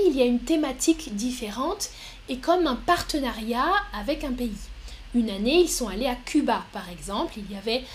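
A woman hosting a live stream, talking slowly and clearly as she reads out viewer comments and answers them with frequent light laughter. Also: fairly high pitch, a little hiss or hum. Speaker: livestream host.

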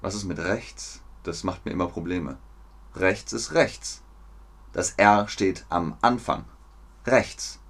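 A man's voice: low-pitched, slow pace, gravelly. A man teaching German pronunciation on a live stream, repeating words with exaggerated care and answering viewers in the chat. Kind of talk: live-streamed language lesson.

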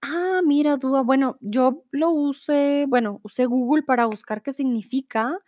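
A woman's voice: high-pitched, a little slow, a little mellow, no echo, dull audio. A young woman teaching a live online Spanish class, reading out chat comments and explaining patiently, often checking in with her students. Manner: patient, checks in with "¿vale?", switches to English and German. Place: in Mexico.

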